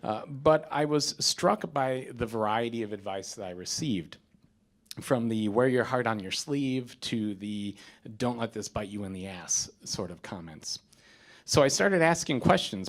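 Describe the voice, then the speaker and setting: In a theater before an audience, an American man in his thirties responds to a stage performance on behalf of the community. His voice sits on the low side, and reading from notes, he starts out halting and filler-laden before building to firm declarations.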